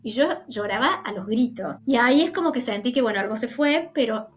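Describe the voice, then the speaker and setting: A woman with an Argentine accent tells stories in a relaxed interview, with a voice that sits a little high. She talks animatedly, slips into the voices of the people she quotes, and laughs easily along the way. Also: fairly quick, a little hiss or hum. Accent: Argentine Spanish. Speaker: guest medium. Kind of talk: casual interview storytelling.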